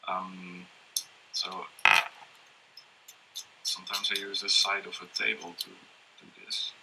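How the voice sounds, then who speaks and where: Slow, low-voiced man demonstrating soldering. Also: monotone, gravelly, pushed and bright, poor audio. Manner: hesitant, many ums and restarts, laughs often. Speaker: workshop presenter. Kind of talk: hands-on electronics demonstration. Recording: faint background noise and tool clicks.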